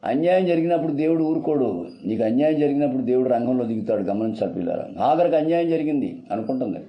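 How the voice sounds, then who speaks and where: A man's voice: mid-range voice, expressive, fast talker, highs cut off. A man preaching a sermon in an earnest, repetitive, urgent style.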